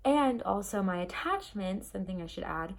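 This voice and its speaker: A young woman talks casually to camera from her bedroom, with a slight lisp. Her pitch sits in an ordinary middle range. She rambles loosely, full of ums and likes, like a personal vlog. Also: animated, moderate pace. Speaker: vlogger.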